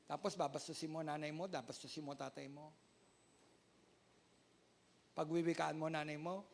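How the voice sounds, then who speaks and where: High-voiced Filipino pastor preaching loudly. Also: male voice, fairly even intonation, normal speed, vocal fry. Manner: loud, often sounds like shouting; calls out to the congregation for amens. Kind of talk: sermon.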